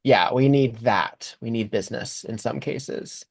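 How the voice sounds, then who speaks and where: A man's voice: mid-range voice, measured pace, creaky, breathy edge, no echo. A man co-hosting a podcast, recapping a TV episode in casual chat, knowledgeable and wry. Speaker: podcast co-host.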